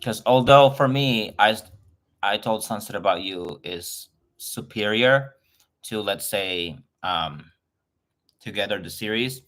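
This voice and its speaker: A chatty man from the Philippines, a native Filipino speaker, hosts a casual livestream from his Los Angeles home, effusively greeting viewers. He takes it slowly, his lowish voice fairly bright.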